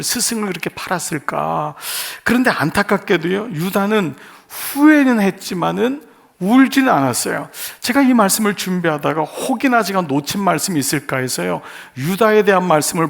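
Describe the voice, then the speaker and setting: A man's voice: high voice, gravelly. A male pastor giving an earnest sermon in short phrases, putting rhetorical questions to his congregation. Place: church sanctuary.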